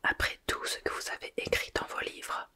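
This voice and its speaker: An earnest schoolboy wizard, whispered by a woman reading a storybook aloud in a whispered role-play. He presses his points bluntly and insistently. His lines come as a light, very bright whisper with no voiced sound. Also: moderate pace. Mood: indignant.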